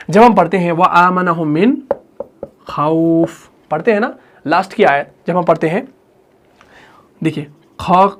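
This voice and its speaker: A man with a Pakistani Urdu accent teaching Quran recitation in an online lesson, patient and repetitive, drawing out his example words slowly. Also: high voice. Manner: patient, repetitive, slow drawn-out demonstrations.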